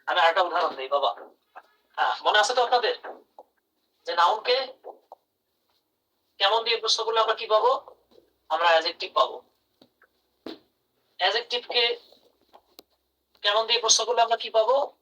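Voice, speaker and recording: Man, online English teacher, bright voice, a bit far from the mic, phone-like sound. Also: sits high, animated, a little fast, pauses often, slight background noise. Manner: calls students by name and praises answers. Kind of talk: live online grammar class.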